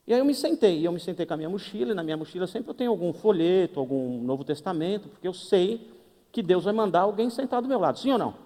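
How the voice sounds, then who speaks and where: A man's voice: high-pitched, animated, fast talker, warm tone. A man from Brazil with a Brazilian Portuguese accent, preaching in a humorous, conversational way as he acts out the dialogue of a story. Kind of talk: sermon with storytelling. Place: church hall. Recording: long reverb of a church hall.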